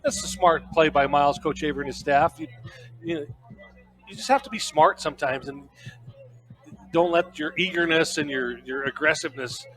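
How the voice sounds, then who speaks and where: A man's voice: a little high, lively intonation, normal speed, a bit bright. A man giving color commentary on a college football radio broadcast, opinionated and emphatic. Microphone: broadcast booth microphone.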